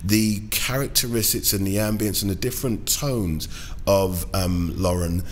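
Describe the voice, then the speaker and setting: A British man coaching singing, breaking down a performance line by line in a measured way, with frequent pauses and short sung examples. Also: low voice, slight background noise. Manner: measured, many "um"s, sings short demo phrases. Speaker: vocal coach. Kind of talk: singing lesson analysis.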